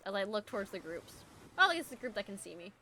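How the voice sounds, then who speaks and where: A woman's voice: mid-range voice, sing-song, quick pace, sharp tone, soft background music. A woman playing a tabletop game who narrates her character's actions in a wry, teasing way. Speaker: player.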